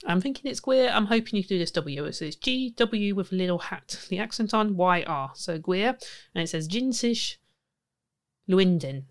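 A young woman in her twenties hosts a casual podcast. Her voice sits slightly low, and she chats in a rambling, friendly way. She giggles often and corrects herself mid-sentence. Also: a little fast, hardly any pauses. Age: 20s. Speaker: podcast host. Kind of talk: casual chat.

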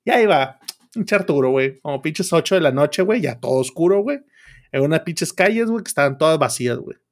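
Slangy Mexican man with a raised pitch. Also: animated, fast talker. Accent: Mexican Spanish. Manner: profane slangy storytelling, constant filler words. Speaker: podcast co-host. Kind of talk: casual storytelling chat.

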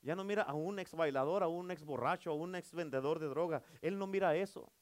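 A male pastor preaching a sermon, emphatic, calling for amens and swinging between loud and soft. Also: a little high, brisk.

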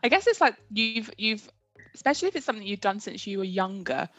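A woman's voice: medium pitch, expressive, fast talker, a bit bright, dry recording. Frank young woman laughing on a podcast. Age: 20s. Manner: frank, laughs easily, acts out her younger self. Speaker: podcast co-host. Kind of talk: casual chat.

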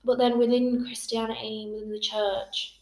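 A 21-year-old woman hosts a relaxed podcast chat, her voice sitting a little high. She talks in a friendly, meandering way, full of fillers. The room around her gives a noticeable echo. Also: normal speed. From England. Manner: chatty, laughs often, uses "like" a lot. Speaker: podcast host. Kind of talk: casual chat. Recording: roomy echo.

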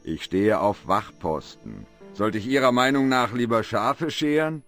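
A man's voice: lowish voice, expressive, a little slow, a bit bright, soft background music. An actor playing a smug, pompous male museum guard in a video game, curt and condescending.

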